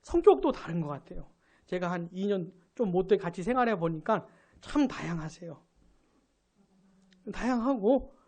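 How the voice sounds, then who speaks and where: A male pastor giving a live Sunday sermon, asking his congregation questions and building to loud emphatic peaks. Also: high voice. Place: church sanctuary.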